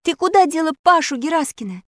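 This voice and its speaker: A woman voicing a bold, quick-witted girl who questions sharply in a storybook reading. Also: sits high, expressive, a bit bright, no room sound, pitched above the performer's own voice. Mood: probing.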